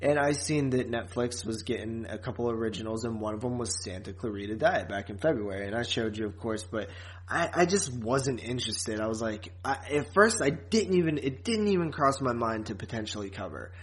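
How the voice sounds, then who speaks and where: In an informal review chat, a male podcast co-host speaks with a pitch in the middle of the male range, a little fast and with lively intonation. He stays loose and conversational, with a teasing, joking streak.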